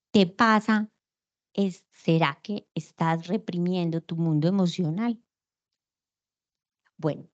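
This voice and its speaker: A woman's voice: medium pitch, a little mellow, lo-fi sound. A woman giving an online lecture, explaining patiently and asking rhetorical questions.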